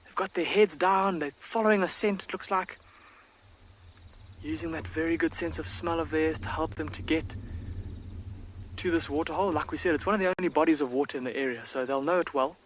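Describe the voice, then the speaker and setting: A man's voice: a little high, fairly even intonation, fairly quick, a little hiss or hum. A man working as a field guide, giving live, enthusiastic wildlife commentary from an open safari vehicle and answering viewer questions. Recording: faint outdoor bush ambience.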